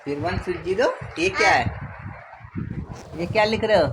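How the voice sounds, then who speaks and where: A man's voice: high voice, moderate pace, noisy background. A man filming a casual home vlog, teaching his small child letters with short, repeated instructions. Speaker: father and family vlogger. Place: at home, indoors.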